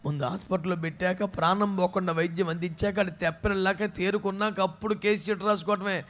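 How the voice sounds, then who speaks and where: A male pastor preaching a sermon with passion, dropping to a hush and then rising to a shout, with many questions aimed at the congregation. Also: sits high, fairly even intonation, fast talker. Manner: impassioned preaching, swinging from hushed to shouting.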